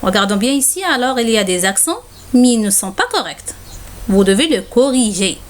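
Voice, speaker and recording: A woman's voice: on the high side, expressive, moderate pace. A woman teacher giving a spelling lesson, dictating single words with care and saying "alors" often. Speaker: French teacher.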